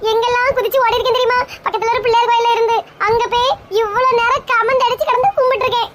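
A woman's voice: very high voice, level tone, very fast, fairly bright tone. A woman with a Kanyakumari Tamil accent playing a giddy young bride-to-be in a comedy skit, bubbly and teasing. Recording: clear background noise.

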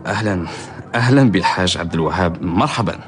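An actor playing a righteous humble barber in a historical radio drama, declaiming formal Arabic with passion. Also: male voice, low voice, lively intonation, rapid-fire, slight background noise. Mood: welcoming. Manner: impassioned, declaiming.

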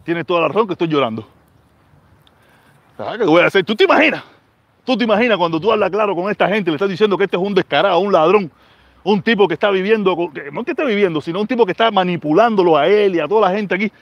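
Cuban guy ranting live, pretty high voice, keeps repeating himself, bit muffled sound. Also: expressive, quick pace, dry recording. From Cuba. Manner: angry, repetitive, street slang. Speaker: channel host. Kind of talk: heated livestream rant reading comments.

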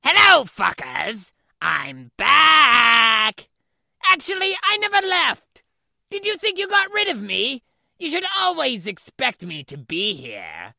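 A woman voicing a crude, spiteful teenage brother who taunts with shouting and cackles. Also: medium pitch, huge pitch swings, a little slow, gravelly, hardly any pauses, no echo, clean studio sound, heavily acted. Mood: gloating.

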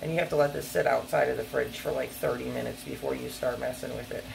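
A kitchen vlogger in her thirties talks fast in a steady bass voice as she cooks, rambling with ums and quick apologies. The stove-facing fixed camera records a noisy background of clear sizzling and stirring in her home kitchen.

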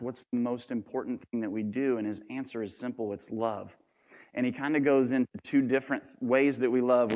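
Male pastor, 30s, playful self-mocking sermon, mid-pitched, long reverb of a church sanctuary. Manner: joking, self-deprecating and lively.

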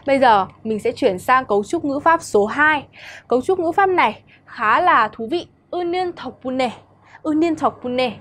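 Young Vietnamese woman, language teacher, patient explainer, fairly high voice. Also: expressive, moderate pace, fairly bright tone. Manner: explains patiently, often asks "được chưa?". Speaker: Korean teacher. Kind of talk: grammar lesson.

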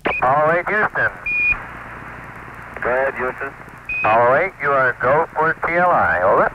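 A very noisy, narrow radio link carries a man's mid-pitched voice. He speaks in clipped astronaut radio calls, terse and procedural, like a 1960s space mission transmission. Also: expressive, moderate pace. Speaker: spaceflight radio communicator or crew.

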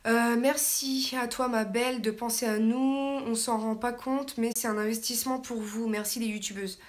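Woman vlogger, casual live Q&A, chatty and halting, home camera mic. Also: a little high, steady tone. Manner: chatty, hesitant, many fillers, affectionate with viewers. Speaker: YouTuber hosting a live Q&A. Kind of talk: casual live-stream chat reading comments. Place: home, at night.

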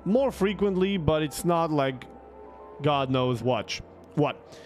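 A young adult man with a Croatian accent and a fairly high voice casually tells a story to his livestream chat. He's emphatic, swears freely, and repeats words to hammer points home. He speaks close to a desktop microphone with a headset while music plays faintly in the background.

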